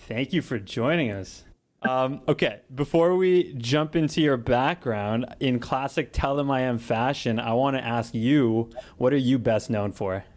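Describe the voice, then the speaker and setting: A man's voice: mid-range voice, unhurried, a little mellow. A man co-hosting a podcast, playful and jokey in casual chat. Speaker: podcast co-host.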